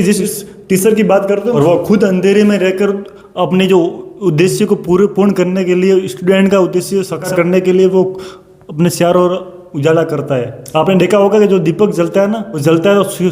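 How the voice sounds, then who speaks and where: Fiery high-voiced man, echoey room. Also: steady tone, brisk, mellow. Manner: fiery, repetitive, sarcastic direct address. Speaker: coaching teacher. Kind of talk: impassioned rebuttal monologue. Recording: echoey room with long reverb.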